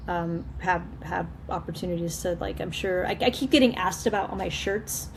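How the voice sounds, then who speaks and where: A woman's voice: on the low side, normal speed, a little hiss or hum. Chatty woman with many restarts. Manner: chatty, repeats words and restarts, laughs often. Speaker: filmmaker guest. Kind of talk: casual video call interview.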